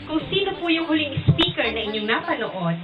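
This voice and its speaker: A woman's voice: sits high, very animated, fast talker, dull audio. Polite woman hosting over music. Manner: polite, addresses viewers directly. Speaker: program host. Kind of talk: television show hosting.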